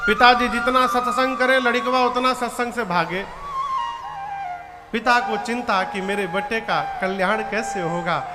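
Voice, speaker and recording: A man's voice: extremely high pitch, measured pace. A man giving a devotional sermon. He chants verses and speaks directly to the audience. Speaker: katha preacher. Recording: echoey hall with live flute music.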